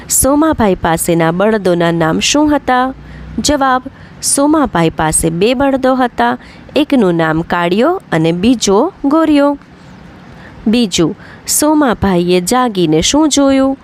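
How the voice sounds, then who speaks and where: A woman's voice: medium pitch, slight background noise. A woman teacher, reading out workbook questions and then giving each answer. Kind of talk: slow explanatory workbook lesson.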